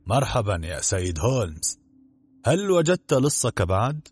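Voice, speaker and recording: A man voicing a boastful, self-satisfied police inspector in a storybook reading, with a husky voice. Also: medium pitch, big pitch swings, normal speed, a little mellow, pitched above the performer's own voice. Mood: smug. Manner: smug, overconfident.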